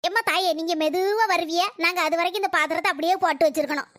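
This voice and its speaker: Someone playing a shrill grumbling mother-in-law. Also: racing, fairly bright tone, dry recording, clean studio sound. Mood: quarrelsome. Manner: nagging, sarcastic complaints. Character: elderly grumbling mother-in-law, quarrelsome and self-pitying.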